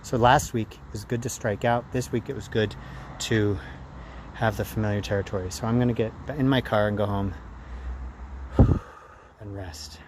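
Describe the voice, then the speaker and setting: A man talking casually and reflectively to a handheld phone in a rambling vlog, in halting phrases. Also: on the low side, steady tone. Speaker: running vlogger. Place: outdoors after a run. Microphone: handheld phone camera at arm's length. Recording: outdoor noise, traffic ambience.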